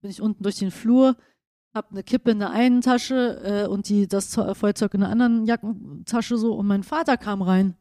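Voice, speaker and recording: A woman's voice: mid-range voice, steady tone, moderate pace, warm tone, dry recording, clean studio sound. A young woman co-hosting a podcast, telling stories in casual chat with lots of fillers and acted-out quotes. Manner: chatty storyteller, acts out quotes with many fillers. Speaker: podcast co-host.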